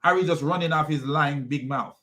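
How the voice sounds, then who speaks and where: In his online religious commentary video, a Jamaican host rants with mocking scorn, tossing repeated insults and rambling with lots of restarts. His voice is a little high, fairly quick, and sharp in tone.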